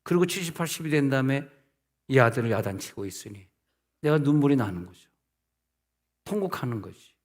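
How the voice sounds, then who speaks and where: A man's voice: medium pitch, expressive, brisk, pauses often. A middle-aged man, a senior pastor, preaching a sermon in a conversational way, asking his listeners rhetorical questions and acting out the people he quotes.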